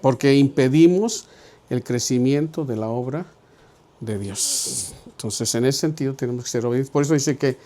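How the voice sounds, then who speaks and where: A man's voice: medium pitch, normal speed, warm tone. A middle-aged man, a pastor leading a Bible study, telling stories and acting out the dialogue conversationally. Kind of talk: Bible study sermon with storytelling.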